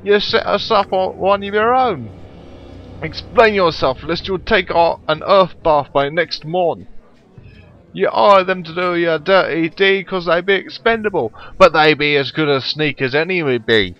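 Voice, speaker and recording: A man puts on a gruff thief who talks in old-fashioned words. He is loud and blustering, full of indignation. He reads the part with raised pitch and volume. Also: measured pace, lo-fi sound, lightly acted. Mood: indignant.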